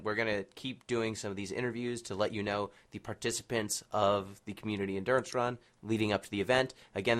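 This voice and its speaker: In a fairly low, slightly bright voice, a man hosts a casual interview podcast. He switches between questioning his guests and making informal announcements to listeners.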